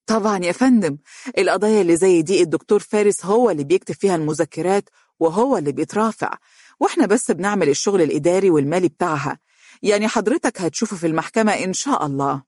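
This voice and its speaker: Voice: medium pitch, racing, darkish tone, dry recording, studio quality, lightly acted. A narrator voicing a scheming, haughty young woman lawyer in Egyptian Arabic for an audiobook. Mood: smooth. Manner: smooth, confident, haughty.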